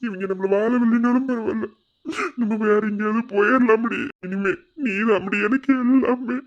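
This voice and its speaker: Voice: mid-range voice, fairly even intonation, moderate pace, close to an everyday voice. A performer voicing a remorseful young village husband in a cartoon, pleading and self-blaming, with a Madurai Tamil accent. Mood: devoted. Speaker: cartoon character. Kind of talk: emotional cartoon drama dialogue. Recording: dull lo-fi sound.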